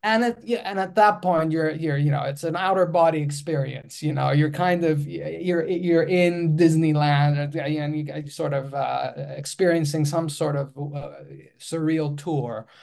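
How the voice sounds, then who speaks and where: A man's voice: a little high, steady tone, unhurried, vocal fry, few pauses, a little mellow. A Greek-accented man in his forties, a filmmaker guest in an interview, speaking hesitantly with many restarts. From Greece.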